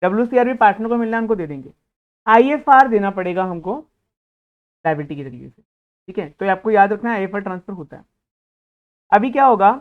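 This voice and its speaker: A man with a high-pitched, smooth voice gives an accounting lecture, explaining through questions he answers himself. He scolds a student along the way, and the recording has a thin, phone-like quality.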